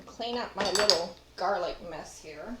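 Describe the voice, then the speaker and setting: Mid-range and unhurried, her voice comes from a far camera in an echoey home kitchen with clattering dishes, and the recording is very noisy. She's a middle-aged Texan cooking show host, chatting casually with viewers as she demonstrates a recipe.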